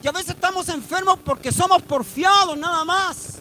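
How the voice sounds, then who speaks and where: A man's voice: extremely high pitch, moderate pace, pushed and bright, a little hiss or hum. A man preaching a sermon in a church hall, emphatic and full of rhetorical questions. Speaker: pastor.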